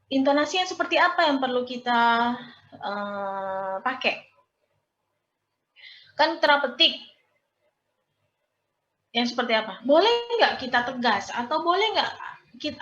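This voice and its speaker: A woman with a fairly high voice teaching a nursing class over a video call. She asks questions and patiently sums up what students say. The sound is echoey and dull. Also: a bit bright. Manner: explains and recaps students' answers, asks questions. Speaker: nursing lecturer. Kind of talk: online class lecture.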